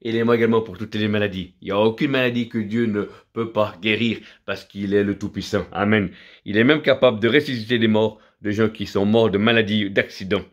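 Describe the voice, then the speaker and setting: A middle-aged man from Vietnam delivers a fervent sermon, building on repeated phrases and punctuating them with alleluias. His voice sits at an ordinary middle pitch. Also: fairly bright tone. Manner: fervent, repetitive preaching with frequent alleluias. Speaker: preacher.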